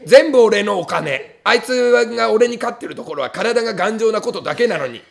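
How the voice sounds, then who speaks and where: A man with a high, gravelly voice reads out viewer comments on a livestream. He swings his pitch widely and snaps back at each one with angry comic outbursts, cracking up in loud laughs along the way. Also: animated, quick pace. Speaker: comedian streamer. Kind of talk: livestream chat reading with comic rants.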